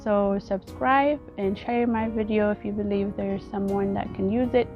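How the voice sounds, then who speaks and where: Woman, earnest vlogger, halting and repetitive, slightly muffled outdoor audio, faint music underneath. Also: mid-range voice, steady tone. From Ethiopia. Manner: earnest, halting, often repeats words. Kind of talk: casual personal vlog talk.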